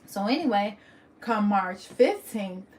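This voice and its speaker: A woman's voice: mid-range voice, expressive, takes it slowly, darkish tone. Young woman telling a personal story. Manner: emotional, candid, with many fillers and restarts. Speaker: vlogger.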